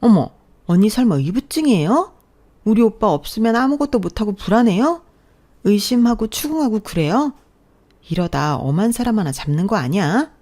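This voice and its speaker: A woman voicing a spiteful young sister-in-law, speaking higher and louder than her own narration, with a mocking, needling manner. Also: animated, a little fast, natural voice.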